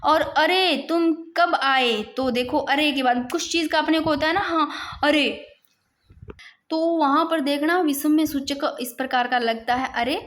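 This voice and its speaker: Casting: woman, high voice, exam-coaching grammar teacher, patient and repetitive. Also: steady tone, moderate pace, a little hiss or hum. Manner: explanatory, repeats points, addresses students as "bhai". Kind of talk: exam-prep grammar lesson.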